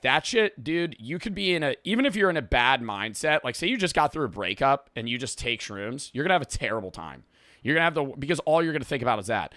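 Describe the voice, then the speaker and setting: A man's voice: medium pitch, bright, forceful tone, dry recording, studio quality. A man streaming a reaction video, telling rambling, profane stories in casual talk.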